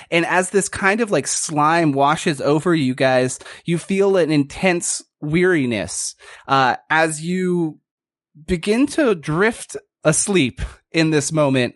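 A man acts as game master, narrating a tabletop game in a casual, improvised way. His voice sits a bit high and he goes slowly, feeling for words, in a dry-sounding space. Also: dry recording. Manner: halting, improvised, peppered with "like".

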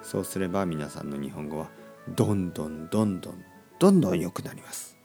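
A man hosting a language podcast, speaking slow, simple Japanese for learners and repeating key words again and again to encourage them. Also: sits low, dark tone, faint music behind. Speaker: podcast host teaching Japanese.

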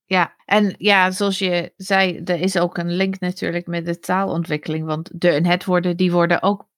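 A woman's voice: on the low side, flat delivery, normal speed, no room sound, studio quality. A woman hosting a podcast, interviewing a guest with curious follow-up questions. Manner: inquisitive, asks follow-up questions. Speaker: podcast host.

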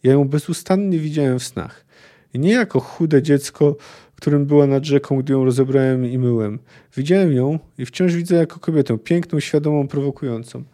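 A man's voice: a little high, moderate pace, mellow, close to an everyday voice. A man reading as an earnest lovesick young knight.

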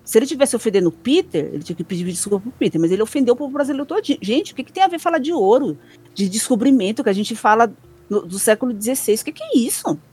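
A woman's voice: fairly high pitch, animated, fast, darkish tone, breathy edge. A woman speaks with a Brazilian Portuguese accent in a casual podcast chat. Her delivery is emphatic and indignant, with frequent restarts and repeated points.

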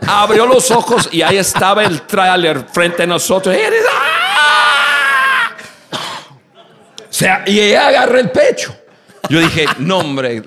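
Lively storytelling man. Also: a little high. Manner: animated storyteller, acts out shouts and laughs. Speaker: speaker on communication. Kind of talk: storytelling talk to an audience.

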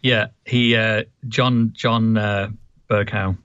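A man's voice: on the low side, level tone, takes it slowly, fairly bright tone, clean tone, dry recording, muffled recording. A British man giving casual commentary as a guest, hesitant and dryly sarcastic.

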